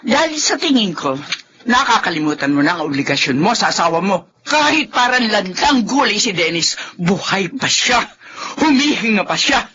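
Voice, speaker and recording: An actress in a radio drama plays a bitter Filipino mother-in-law, scolding, sarcastic and accusing. Her voice is medium in pitch with big swings, pushed and bright, at a normal speed, and the recording is dull, noisy and lo-fi.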